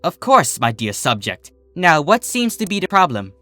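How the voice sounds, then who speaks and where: A man voicing a regal, gentle pony princess in a storybook reading, with formal, old-fashioned phrasing. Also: on the high side, very animated, normal speed, no echo, soft background music, voice pushed up. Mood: regal, reassuring. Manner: formal, archaic turns of phrase.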